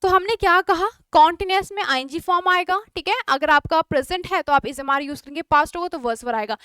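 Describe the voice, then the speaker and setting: A woman's voice: very high-pitched, fairly bright tone, no room sound, clean studio sound. A woman with an Indian accent teaching a spoken English class online, explaining step by step and often checking whether everyone follows.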